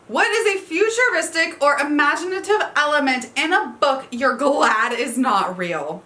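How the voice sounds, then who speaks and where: A woman book vlogger with a high-pitched, sharp voice chats casually through a book tag video. She laughs often, swears, and says "y'all."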